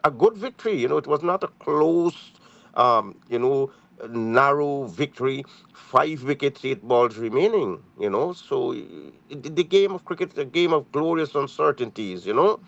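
A man's voice: fairly high pitch, sing-song, normal speed, fairly bright tone. Male radio cricket reporter from Guyana, conversational, filler-heavy, muffled broadcast audio.

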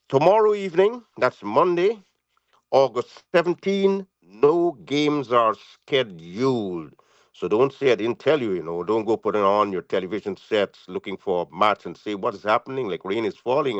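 A man's voice: medium pitch, no room sound. Male radio cricket reporter from Guyana, conversational, filler-heavy, muffled broadcast audio.

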